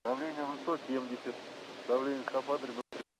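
A spacewalking man with a mid-range voice reports readings over suit radio. His delivery is clipped and matter-of-fact, in short procedural phrases. There is clear noise on the link. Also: mid-range voice, little pitch movement, fast talker. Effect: radio link from inside a spacesuit.

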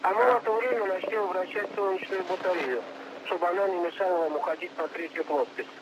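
A man's voice: high voice, brisk, muffled recording. A man working as a mission control operator, giving businesslike step-by-step procedural instructions and acknowledgements over a radio link. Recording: noisy radio link, clear background hiss.

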